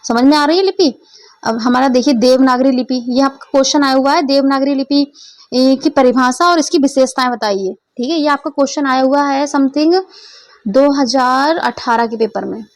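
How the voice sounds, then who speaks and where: A woman's voice: high voice, normal speed, dry recording. A woman teacher giving a step-by-step exam-prep lecture and often checking whether her students follow.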